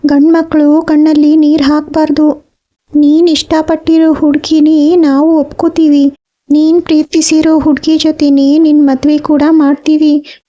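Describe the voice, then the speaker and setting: A woman's voice: high voice, flat delivery, measured pace, dark tone. A woman playing a caring middle-aged mother who soothes her son and argues for him. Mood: soothing. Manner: soothing, reasoning, firm. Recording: slightly dull audio.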